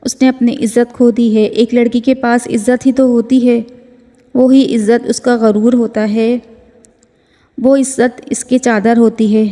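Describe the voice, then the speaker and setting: Female novel narrator, emotional and slow; flat, high delivery with hall echo. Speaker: novel reader. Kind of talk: reading a romance novel aloud. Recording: long hall reverb.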